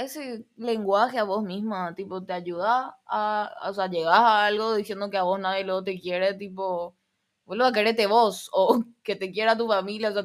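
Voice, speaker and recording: A young woman from Paraguay with Argentine touches in her Spanish, rambling and giggling through a casual solo podcast chat. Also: medium pitch. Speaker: podcast host.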